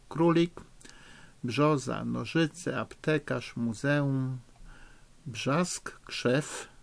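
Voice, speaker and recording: A middle-aged man teaching children in a recorded lesson, slow, patient and encouraging, spelling out rules. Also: mid-range voice, vocal fry. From Poland. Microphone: recording for a lesson video.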